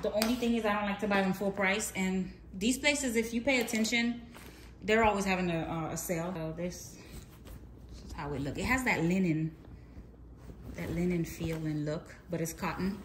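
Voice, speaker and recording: Filming on a handheld phone, a home vlogger rambles and self-corrects through a casual clean-with-me tour of her purchases and her large bright home, including the kitchen and playroom. She speaks at medium pitch and a moderate pace, and the audio is poor, echoey, with slight background noise.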